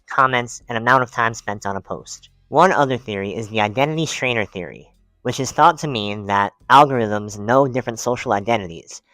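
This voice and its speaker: A young man reading a prepared introduction as a student interviewer, measured and scripted. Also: mid-range voice, fairly bright tone, no room sound. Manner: measured, reads prepared lines. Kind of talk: scripted presentation.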